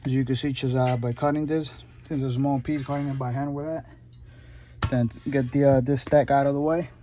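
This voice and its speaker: A man's voice: medium pitch, fairly even intonation, brisk, noisy background. A man casually narrating a do-it-yourself motorcycle job as a vlogger, rambling and correcting himself as he goes. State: out of breath at times.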